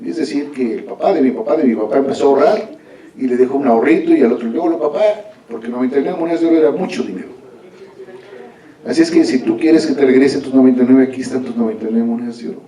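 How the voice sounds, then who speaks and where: A male author tells a story to an audience in a relaxed, conversational way, often checking in with his listeners. His voice is mellow and dark, picked up from a distance in a large echoey hall. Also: mid-range voice, rapid-fire. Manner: conversational, with frequent "¿no?" tags. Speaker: author presenting his book.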